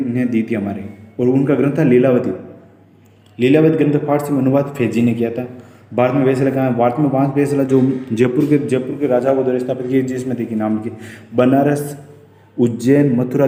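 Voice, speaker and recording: Male teacher, rapid-fire exam revision, mellow tone, recorded in an echoey room. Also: medium pitch. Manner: rattles off quick question-and-answer points, with restarts. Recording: echoey room with faint music.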